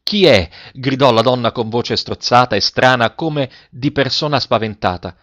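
Man giving a measured storybook reading. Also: medium pitch, a bit bright, no echo. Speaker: narrator. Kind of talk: scripted storybook narration.

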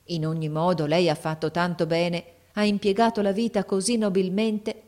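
A woman's voice: fairly low pitch, level tone, normal speed, a little mellow, lightly acted. A woman voicing a middle-aged father who earnestly comforts his old teacher in a storybook reading.

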